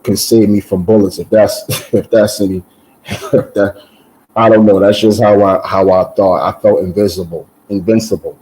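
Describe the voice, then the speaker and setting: Man, low mellow voice, loose conversational testimony, lots of restarts and fillers. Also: rough recording. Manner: animated, repeats words and restarts with many "um"s. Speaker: guest giving a testimony. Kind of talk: casual personal storytelling.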